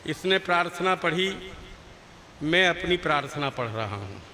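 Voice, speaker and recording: This older performer's voice sits a little high, swinging widely in pitch at a measured pace, pushed and bright. He recites humorous poetry into a stage mic at a live gathering, chanting verses and drawing the crowd in with rhetorical questions.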